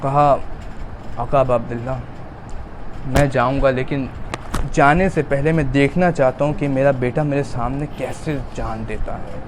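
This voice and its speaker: A man from Pakistan giving a Muharram majlis sermon, retelling dialogue and rising into a loud, drawn-out lament. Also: mid-range voice, fairly even intonation, background noise. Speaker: preacher.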